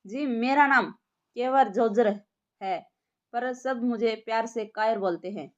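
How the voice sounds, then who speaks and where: Woman voicing a timid, earnest village guy, polite under pressure; fairly high voice, lo-fi sound. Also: a little slow, natural voice. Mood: nervous. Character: nervous timid young village man. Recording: lo-fi muffled recording.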